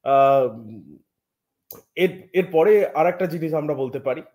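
A man's voice: fairly high pitch, slow, a little mellow. A Bengali man lecturing as a teacher, explaining step by step and checking in with his listeners often. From West Bengal. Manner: explains step by step, frequent "thik ache" check-ins. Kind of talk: academic lecture.

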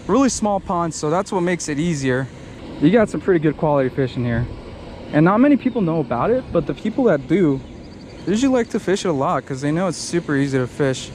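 A young man, chatting casually and excitedly while fishing from rocks at a park pond, rambling through explanations with lots of fillers. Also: on the high side, a little hiss or hum. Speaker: fishing vlogger. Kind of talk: casual outdoor fishing vlog. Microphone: head-mounted action camera.

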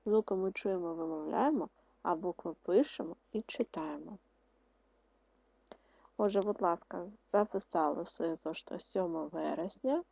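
A woman's voice: lowish voice, normal speed, no room sound, muffled recording. Patient woman teaching young children. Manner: clear, patient dictation of vowel sounds. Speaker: primary school teacher. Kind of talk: online lesson for second graders.

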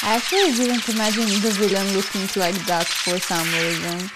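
A woman's voice: medium pitch, normal speed, heavy background noise. A young adult woman giving casual, exclamatory reaction commentary on a film, close to a desk microphone in a small room. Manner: expressive, exclamatory. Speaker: reaction video host. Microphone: close desk microphone on boom arm. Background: film soundtrack music.

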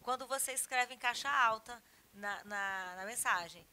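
A Brazilian woman leads a grammar lesson with a somewhat high, bright and forceful voice. She talks expressively and leans on her emphasis, stopping often to make sure her students are following. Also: normal speed, slight background noise. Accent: Brazilian Portuguese. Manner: expressive, emphatic, checks in with "tá certo?". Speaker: Portuguese language teacher. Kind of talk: recorded classroom lesson.

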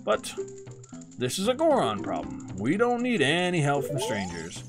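A man voicing the gruff, hulking chief of a rock-eating people in a video game, reading his lines aloud. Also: fairly high pitch, wildly swooping pitch, normal speed, over music. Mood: grumpy.

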